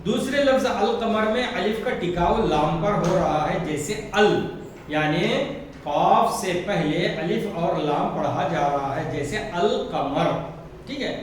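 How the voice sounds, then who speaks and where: A man's voice: sits high, takes it slowly, far from the mic. A man with an Urdu-speaking Indian accent teaching a textbook lesson, patiently repeating words and spelling out letters. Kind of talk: slow textbook lesson explanation. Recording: very echoey room, voice from afar, faint background noise.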